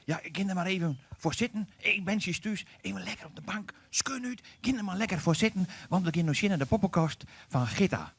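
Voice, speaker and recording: A man, presenting live village television with relaxed, enthusiastic links between items. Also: high voice, a little fast, creaky, few pauses, breathy edge.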